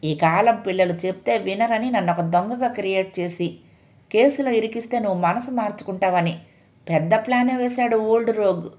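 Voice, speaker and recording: A woman's voice: mid-range voice, normal speed, darkish tone, lightly acted. Woman voicing a cocky young lover. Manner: cocky, reassuring. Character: confident scheming young man in love.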